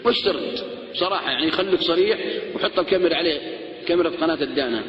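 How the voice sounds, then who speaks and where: A male preacher delivers a lively, humorous lecture, talking fast in a high voice and slipping into the voices of the people in his stories. The recording is lo-fi, with the long echo of a large hall around him. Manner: animated, jokey storytelling, acting out voices. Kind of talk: humorous lecture with acted anecdotes. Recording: echoey hall, dull lo-fi sound.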